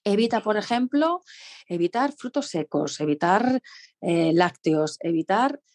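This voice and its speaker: A woman vocal coach explaining voice technique in a radio interview, lively and demonstrative, laughing often. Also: medium pitch, a little slow. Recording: radio studio.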